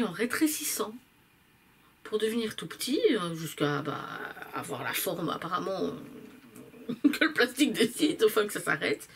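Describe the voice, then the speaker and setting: A woman's voice: medium pitch, vocal fry, a little hiss or hum. A woman chatting casually to the viewer in a haul vlog, rambling with many fillers and self-corrections. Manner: talks straight to the viewer. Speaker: vlogger reviewing purchases.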